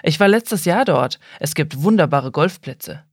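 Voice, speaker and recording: A woman voicing a tall, well-dressed gentleman who chats in an easygoing way, on a dry studio recording. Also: deep voice, expressive, a little slow, dry recording, full character voice. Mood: genial.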